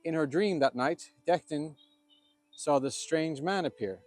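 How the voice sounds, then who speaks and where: A man's voice: fairly high pitch, measured pace, darkish tone. An Irish man tells an old legend in a lilting storyteller's manner. His delivery is dramatic and spoken as oral tale-telling. Instrumental music plays faintly behind him. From Ireland.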